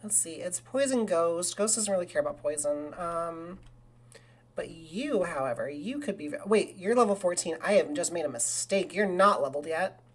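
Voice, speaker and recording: A woman talking casually through a live game stream, with a voice sitting a bit low for a woman. She rambles along and now and then breaks into excited cheering. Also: moderate pace. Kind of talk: casual live gaming commentary.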